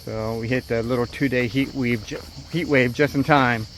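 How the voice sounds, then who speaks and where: A man talking in a relaxed, teasing way as a travel vlogger. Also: medium pitch, moderate pace. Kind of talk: casual travel vlog. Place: outdoors. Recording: background noise outdoors.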